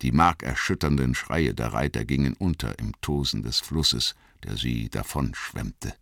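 Deep-voiced man reading a story dramatically. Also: a little slow, vocal fry, a bit bright, no echo, clean studio sound. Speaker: audiobook narrator. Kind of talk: scripted narration.

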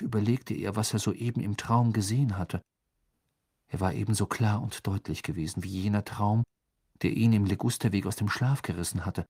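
Slightly husky male audiobook narrator. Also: on the low side, no room sound, clean studio sound. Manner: expressive storytelling, voices the figures. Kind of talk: scripted narration.

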